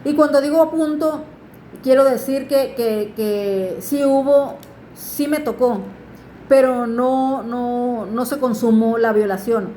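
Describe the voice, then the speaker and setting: A woman tells her religious testimony in an earnest, pleading way. Her voice sits a little high, and the room around her gives it a noticeable echo. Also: slow pace, warm tone, slight background noise. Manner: earnest, pleading with listeners to turn to God. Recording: echoey room.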